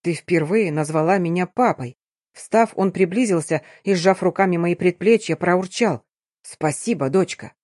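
A woman voicing a middle-aged father in an audiobook, speaking low, gentle and coaxing. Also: normal speed, dry recording, clean studio sound, lightly acted. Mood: tender.

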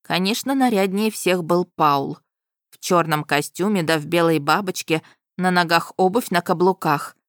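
A woman narrates a fantasy story in the first person, wry and lively. Her voice sits fairly low and sounds dry and close to the mic. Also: normal speed, no room sound.

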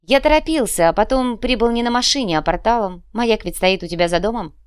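A woman's voice: a little high, a little fast, clean tone, no echo, clean studio sound, pitched above the performer's own voice, natural voice. A woman voicing a smug, clever male sorcerer in an audiobook, who explains things in an easy, amused way.

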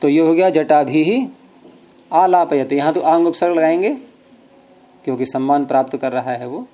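Mellow patient male grammar teacher. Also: on the high side, normal speed. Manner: patient, repeats and quizzes students with questions; gently teasing, chuckles. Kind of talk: classroom grammar lecture.

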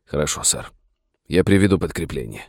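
A man's voice: rumbling low, lively intonation, fairly quick, vocal fry, breathy edge, no echo, clean studio sound, heavily acted. A man voicing a stubborn, desperate young deputy who speaks through gritted teeth.

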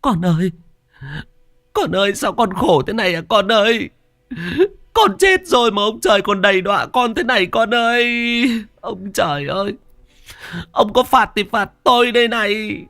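A man's voice: high voice, expressive, normal speed, pushed and bright, voice pushed up, full character voice. A man voicing a grieving old village mother who sobs and laments over her son in a spoken ghost story. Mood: wailing grief. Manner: sobbing lament.

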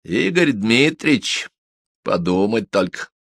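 A cold, menacing gang boss, read by a man who drags out his threats in slow, gravelly phrases. His voice rises raised and lively through the threats. The audiobook sound is dry and close. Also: on the low side, dry recording, heavily acted. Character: menacing middle-aged male gang boss.

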